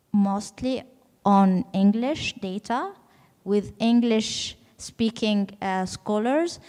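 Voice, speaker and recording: A woman's voice: mid-range voice, darkish tone. A woman speaking on a panel in an emphatic, persuasive way, urging action. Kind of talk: panel discussion. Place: expo hall panel. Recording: reverberant hall.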